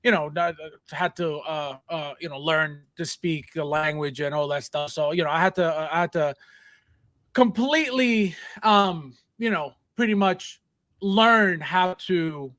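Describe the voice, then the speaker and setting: A Spanish-native man from Colombia hosts a laid-back podcast with a clearly high voice, stopping and restarting his sentences as he goes. The sound is dry and close, with no room in it. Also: a bit bright, no echo. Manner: halting, full of restarts. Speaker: podcast host. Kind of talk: casual podcast chat.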